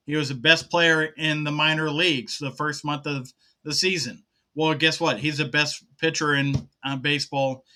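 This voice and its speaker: Male sports co-host, high, brilliant tone; excited, number-packed casual analysis. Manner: enthusiastic, stat-heavy analysis. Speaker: podcast co-host.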